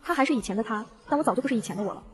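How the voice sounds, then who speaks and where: A woman narrating a novel in the first person, in a brisk, even storytelling read. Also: fairly high pitch. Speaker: audiobook narrator.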